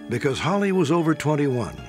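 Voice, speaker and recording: A man's voice: on the high side, big pitch swings, brisk, faint music behind. A man narrating a documentary in a grave, dramatic manner.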